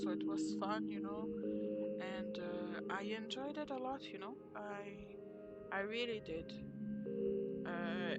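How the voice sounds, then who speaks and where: Ranting woman. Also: medium pitch. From Quebec. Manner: ranting, swearing, laughing often. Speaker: streamer. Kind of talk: casual livestream chat while drawing. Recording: music playing under the voice.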